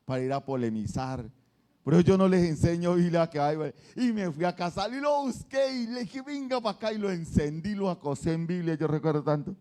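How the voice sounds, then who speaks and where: A male pastor preaching a sermon, telling stories with energy and firing questions at the congregation. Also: a little high. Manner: animated storytelling preacher quizzing the congregation.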